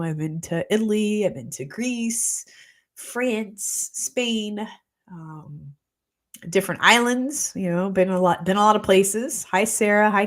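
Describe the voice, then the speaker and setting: A holistic practitioner in her forties hosts her weekly live show, greeting viewers and chatting casually through a streaming mic. Her mid-range voice sounds slightly congested, and she's reflective and talkative, with lots of fillers.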